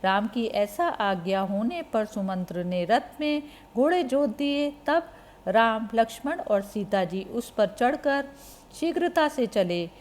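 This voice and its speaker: Slow, measured woman narrating scripture. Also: a little high, animated, a little mellow.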